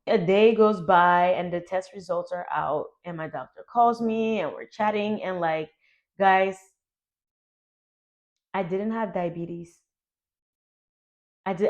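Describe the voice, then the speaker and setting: A young adult woman telling a personal story to her vlog audience in a chatty, animated way, full of "like". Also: fairly low pitch. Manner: chatty, animated, heavy use of "like". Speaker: YouTuber.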